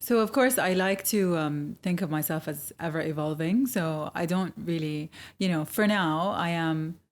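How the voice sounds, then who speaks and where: A woman's voice: low voice, moderate pace. A woman from Saudi Arabia, a chef, talking in a casual interview, reflective and hesitant, with many fillers and easy laughter. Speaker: guest chef.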